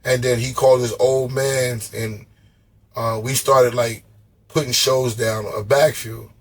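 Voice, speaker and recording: A man's voice: mid-range voice, measured pace. A man guest on a podcast, telling stories in a loose, profane, slangy way and often stumbling over and repeating his words. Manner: loose, profane, animated storytelling with slangy street talk. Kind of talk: casual storytelling interview.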